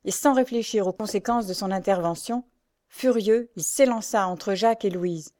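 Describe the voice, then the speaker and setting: Expressive woman reading a novel. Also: mid-range voice, normal speed. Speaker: audiobook narrator.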